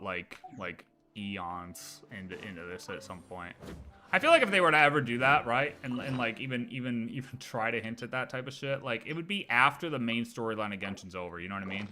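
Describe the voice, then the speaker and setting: Speaking a little fast, a man with a mid-range voice uses lively intonation and a bright, forceful tone. As a livestreamer reacting to game lore, he speculates about the story in slangy, rambling casual chat, repeating phrases for emphasis.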